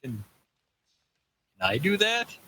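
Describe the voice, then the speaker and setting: A man's voice: fairly high pitch, huge pitch swings, takes it slowly, sharp tone, slight background noise. A man playing a tabletop game in casual chat, curious and hesitant with many fillers. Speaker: player.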